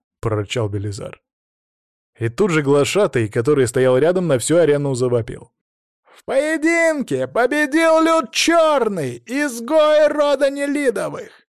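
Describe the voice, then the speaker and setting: A man reading a first-person fantasy audiobook in an expressive, lively storytelling manner. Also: mid-range voice, no room sound, clean studio sound. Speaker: audiobook narrator.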